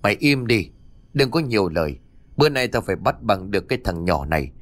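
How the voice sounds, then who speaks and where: A man's voice: on the low side, big pitch swings, fairly quick, no room sound. A man voicing a vengeful old male spirit who has possessed a boy, speaking in a snarling, threatening way. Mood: menacing.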